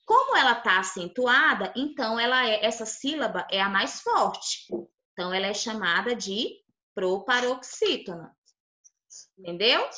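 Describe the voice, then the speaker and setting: A young woman teacher with a Brazilian Portuguese accent leads a lesson for small children. Her voice is bright and slightly high. She is patient and checks their understanding at every step. The recording has a roomy echo. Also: very animated, unhurried. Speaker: primary school teacher. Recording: echoey room.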